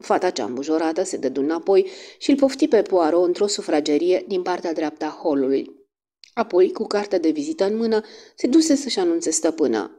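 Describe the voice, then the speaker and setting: A woman narrating a classic detective audiobook with a measured, expressive reading. Her voice is low and dark, and her pitch moves in wide, lively arcs. The delivery is steady and scripted.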